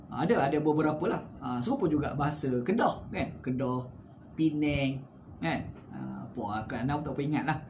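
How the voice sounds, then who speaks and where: Give me a fairly high-voiced man with a Malaysian accent, teaching scripture in a lively, conversational way. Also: a little hiss or hum. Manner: conversational, with rhetorical tag questions; animated swings in pitch and loudness. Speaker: religious teacher. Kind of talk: Quran commentary lecture.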